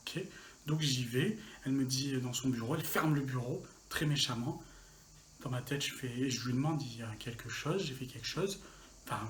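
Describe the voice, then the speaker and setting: A man casually telling a personal story for his channel, lively and full of slang and fillers. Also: mid-range voice, slight background noise. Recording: echoey room with faint ambience.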